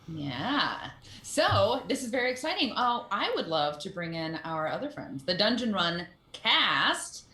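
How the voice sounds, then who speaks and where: A woman hosts a streamed tabletop game night in a playful, lively way. Her voice is bright and her pitch moves a lot. The room gives it a noticeable echo. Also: unhurried. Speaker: host.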